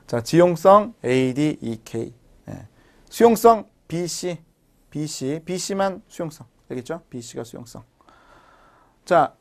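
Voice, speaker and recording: A man teaching a recorded biology lecture, explaining at the board and using playful memory tricks. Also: on the high side. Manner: animated teacher with mnemonic jokes.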